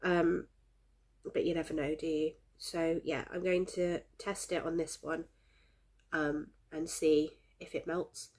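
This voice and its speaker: Slow and level, her deep voice has a slightly mellow quality. The crafting vlogger is nursing a head cold, a bit stuffy and coughing, yet she chats cheerfully and at length to her viewers in a casual to-camera talk.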